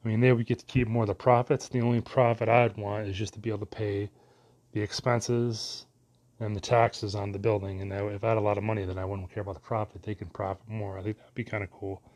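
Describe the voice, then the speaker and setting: Guy rambling to camera, low voice, swears a bit, um and you know everywhere. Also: flat delivery, fast talker, darkish tone, dull audio. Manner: meandering, many fillers, mild cursing. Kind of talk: casual rambling monologue.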